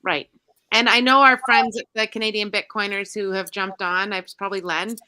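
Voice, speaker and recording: Woman, podcast co-host, casual chat, animated storyteller, bright tone. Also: medium pitch, normal speed, clean tone.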